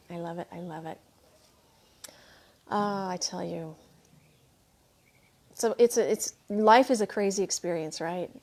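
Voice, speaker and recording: A woman hosting a spiritual livestream, gushing over viewer comments and thanking everyone again and again while she clears her throat now and then. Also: medium pitch, darkish tone. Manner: reads viewer comments aloud and answers them. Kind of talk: live chat after a meditation.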